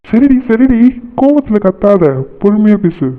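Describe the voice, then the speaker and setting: A man's voice: sits high, lively intonation, unhurried. A young man voicing a cartoon fiancé who teases and pleads playfully with his bride-to-be. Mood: coaxing. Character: teasing, doting young male fiancé. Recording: thin phone-like band.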